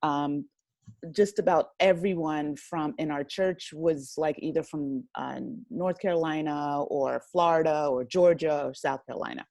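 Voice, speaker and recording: A writer and director in her fifties from New Jersey reflects on her life as an interview guest, speaking conversationally in a low, slightly mellow voice. She talks a little slowly, and the recording is dry.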